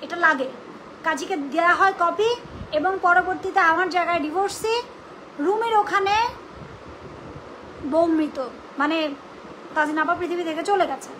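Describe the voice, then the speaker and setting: A woman speaking unscripted on a livestream in an indignant, confrontational, shrill voice. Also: measured pace, pauses often, fairly bright tone, slight background noise, low-quality recording. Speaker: live-streamer rebutting accusations about own family.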